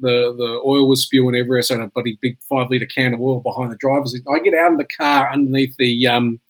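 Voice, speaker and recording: A man's voice: medium pitch, fairly even intonation, fast, low-quality recording. A tired middle-aged Australian man in casual chat, rambling through anecdotes and laughing at his own jokes.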